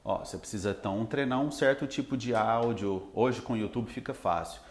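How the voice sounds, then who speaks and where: A Brazilian man who teaches English, talking in a relaxed, rambling way with lots of fillers. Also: on the low side, brisk, roomy sound, slight background noise. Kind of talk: casual podcast chat.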